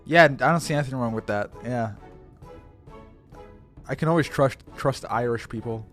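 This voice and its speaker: A man's voice: medium pitch, normal speed, a bit bright. A young adult man streaming a game in casual commentary, joking and self-deprecating and laughing often. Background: faint game music.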